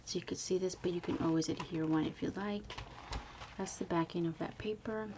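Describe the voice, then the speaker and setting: Woman whispering a casual craft show-and-tell at home, low voice, hiss in the background. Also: fairly even intonation, a little fast, muffled recording. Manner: soft whispering, chatty, with fillers. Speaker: crafter showing handmade planners. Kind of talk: whispered early-morning craft video. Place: home, early morning.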